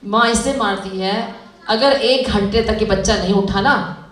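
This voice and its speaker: A woman's voice: mid-range voice, measured pace, fairly bright tone. A woman giving a storytelling devotional talk to young women, putting questions to her listeners. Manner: storytelling, asks the audience questions. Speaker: speaker at a youth seminar. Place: lecture hall. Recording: echoey hall, mic far off.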